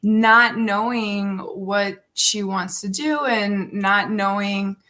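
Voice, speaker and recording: A woman in her thirties with a rough morning voice, chatting casually and earnestly on a live stream. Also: medium pitch, slow, sharp tone. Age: 30s. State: morning frog voice. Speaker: livestream host.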